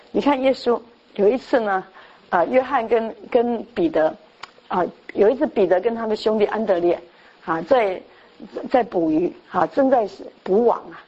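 A woman's voice: a little high, a little mellow, slightly rough, lo-fi sound. An older woman preaching a sermon, telling stories and acting out the lines of the people in them. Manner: storytelling, acts out quoted dialogue.

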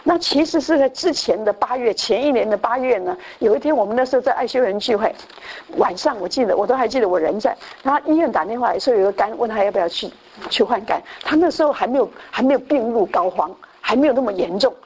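Speaking fast and animatedly, this woman has a fairly high, husky voice with a darkish tone. Her sermon takes the form of a testimony story, with many repeated lines and restarts, English phrases slipped in, and occasional performances of the people she quotes.

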